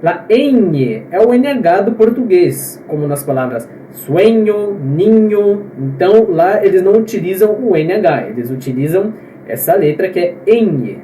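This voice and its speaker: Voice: medium pitch, lively intonation, a little slow, warm tone, roomy sound, recorded from a distance, slight background noise, low-quality recording. A teacher from Brazil explaining pronunciation step by step in a video lesson, checking in with the viewers often. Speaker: Spanish teacher.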